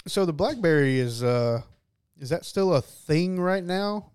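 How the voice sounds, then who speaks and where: A man co-hosting a podcast, talking about movies in a relaxed way and laughing often. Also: a little high, unhurried, smooth, no room sound, studio quality. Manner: laid-back, laughs often, many fillers. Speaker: podcast co-host. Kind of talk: casual film chat.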